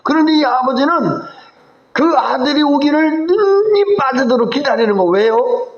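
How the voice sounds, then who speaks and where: Male pastor preaching, high lively voice, keeps asking the congregation stuff, echoey church, kinda muffled. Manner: animated, asks the congregation questions. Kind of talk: sermon. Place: church sanctuary.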